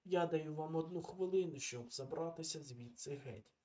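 A man's voice: a little high, normal speed, dark tone, distant mic, lightly acted. A man voicing an angry male office manager who gives curt commands in an audiobook. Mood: indignant.

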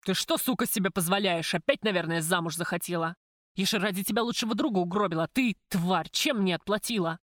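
A woman's voice: on the low side, steady tone, brisk, no echo, natural voice. Woman reading coarse jealous crime boss, threatening, dry close audiobook sound. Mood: furious.

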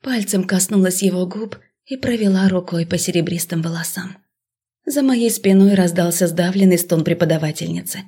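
Expressive woman narrating a fantasy novel. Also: on the low side, moderate pace, husky. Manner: expressive, drops to a hush in intimate passages. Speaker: audiobook narrator. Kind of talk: first-person novel narration.

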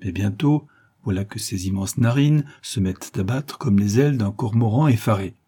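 A man narrating a classic novel aloud in an expressive, theatrical storytelling manner. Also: fairly low pitch, moderate pace, breathy edge. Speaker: audiobook reader.

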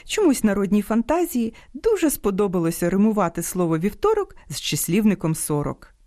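A woman hosting an educational radio program, reading a script in a measured, precise way. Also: mid-range voice, sing-song, warm tone, dry recording, studio quality. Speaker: radio host. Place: radio studio.

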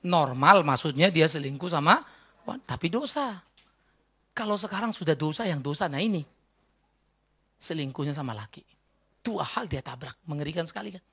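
A man pastor preaching a sermon, emphatic, swinging between soft asides and loud exhortation. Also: fairly high pitch, lively intonation, moderate pace, long pauses, breathy edge.

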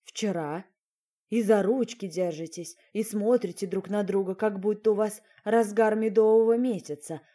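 A woman's voice: mid-range voice, moderate pace, dark tone, natural voice. A woman voicing a spiteful young man turned into a frog, snapping and sarcastic. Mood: angry.

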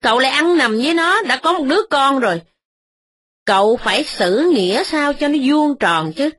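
A woman's voice: high-pitched, animated, moderate pace, fairly bright tone. A woman voicing a poor, proud older brother who lectures a rich young man in a reproachful tone.

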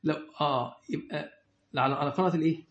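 High-voiced Egyptian teacher in echoey room. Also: male voice. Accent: Egyptian Arabic. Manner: quizzes the class with quick questions. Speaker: religious teacher. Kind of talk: classroom lecture. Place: lecture room with students. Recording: echoey room, dull lo-fi sound.

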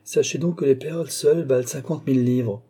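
A man's voice: mid-range voice, brisk, warm tone, slightly rough, voice pushed up, close to an everyday voice. A man reading an audiobook, playing a vain, scheming old baron who talks with irony and cool command. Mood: ironic. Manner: ironic, coaxing, commanding.

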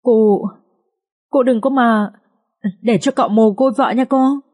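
Female narrator playing a high-pitched young maid, tearful and wailing, in a storybook reading. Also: animated, normal speed, darkish tone. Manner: wailing, pleading. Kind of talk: audiobook character reading.

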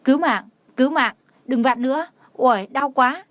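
A woman's voice: a little high, brisk, dry recording, natural voice. A woman voicing a playful young man who cries out and pleads when hurt, for an audio novel. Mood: yelping in pain. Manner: crying out in pain, pleading.

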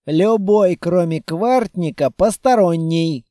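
A man's voice: high-pitched, lively intonation, a little slow, mellow, dry recording, clean studio sound. A man voicing a curt, cold male squad leader in an audiobook, speaking in a clipped, brusque way.

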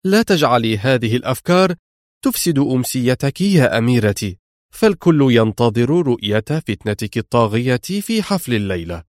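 A man voicing a smooth but nervous male henchman of a crime family in an audiobook reading. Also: mid-range voice, big pitch swings, fairly quick, no room sound, clean studio sound, lightly acted. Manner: sly, tense.

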